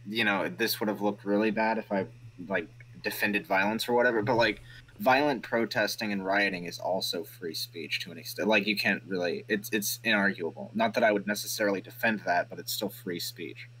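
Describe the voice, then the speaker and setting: A man's voice: on the low side, brisk, sharp tone, slightly rough, rough recording. A man chatting casually on a call about a debate he took part in, laughing often and reading out chat comments. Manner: laid-back, laughs often, reads chat comments aloud. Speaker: debate guest reviewing his debate.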